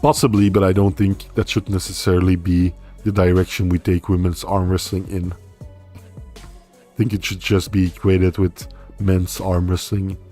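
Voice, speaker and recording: Speaking a little slowly in a low voice, a young Dutch-native man runs a casual livestream with soft music behind him. He reads viewer comments out loud and replies to them, relaxed and rambling.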